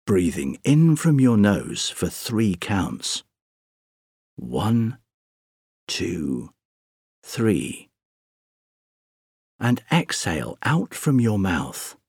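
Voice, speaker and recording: A man slowly guiding a sleep meditation, counting breaths in a soothing, drawn-out way with long pauses. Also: on the low side, huge pitch swings, darkish tone, slightly rough, no echo. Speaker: meditation guide.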